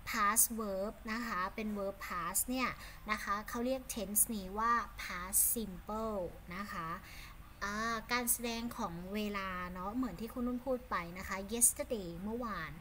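A woman with a Thai accent teaching English to children online, giving warm praise and speaking her English slowly. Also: medium pitch, a little hiss or hum. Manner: warm praising, switches between Thai and English, slow deliberate English.

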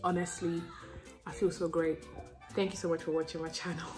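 Filming herself on a handheld phone, a young woman vlogs a casual cook-along from her home kitchen, chatting expressively. She speaks fairly quickly with a fairly low pitch and a flat delivery, and music runs beneath her.

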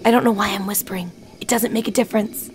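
A woman streaming a video game live, chatting and thinking out loud with excited reactions. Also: medium pitch, fast. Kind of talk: live gameplay commentary.

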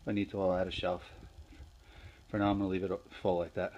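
A hobby woodworker from Northeastern Pennsylvania shows off his projects in his home garage, chatting casually to a handheld phone camera in a show-and-tell vlog. His voice is deep and a little mellow, with a level tone, and the sound is lo-fi. He speaks plainly and unhurriedly, with fillers and restarts.

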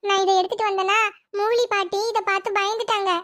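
A woman's voice: extremely high pitch, little pitch movement, fast, a bit bright, voice pushed up. A woman voicing an eager, chatty little girl in a cartoon, coaxing and playful.

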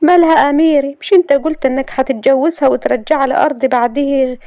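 A woman's voice: sits high, fairly even intonation, quick pace, dark tone, dry recording, dull audio, pitched above the performer's own voice. A woman voicing a frightened young woman with an Egyptian accent, who pleads in a trembling, breathless way. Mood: pleading.

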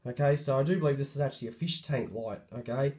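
A hobbyist shows off a refurbished light in a casual show-and-tell, his voice hoarse and croaky from a cold. He talks haltingly with frequent ums and self-corrections in a mellow, mid-pitched voice, recording on a phone in a room at home.

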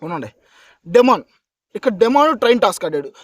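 A man's voice: extremely high pitch, big pitch swings, fast talker, dry recording. A man reviewing a reality show in a heated rant, arguing hard and repeatedly checking that his listeners agree. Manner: combative, keeps asking listeners "okay?"; argumentative, repeats points for emphasis. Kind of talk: heated opinion rant to camera.

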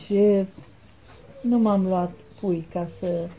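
A woman's voice: mid-range voice, fairly even intonation, lo-fi sound, a crowd in the background. A woman chatting casually outdoors, making plain, matter-of-fact remarks. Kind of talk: casual chat.

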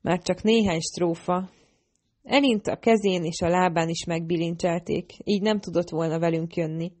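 A woman's voice: lowish voice, steady tone, a little mellow. Woman reading a first-person audiobook. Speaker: audiobook narrator.

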